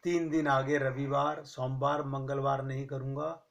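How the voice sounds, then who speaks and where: A man giving a slow, measured spiritual discourse to a gathering, stressing his points with rhetorical questions. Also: medium pitch, little pitch movement. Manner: recites verse slowly. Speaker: spiritual teacher. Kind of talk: Hindi satsang discourse.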